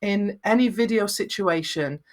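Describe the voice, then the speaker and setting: A middle-aged woman with a Lancashire accent and flattened vowels, giving encouraging advice in a conversational interview. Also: mid-range voice, measured pace. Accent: Lancashire, northwest English. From Lancashire, northwest England. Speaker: video confidence coach.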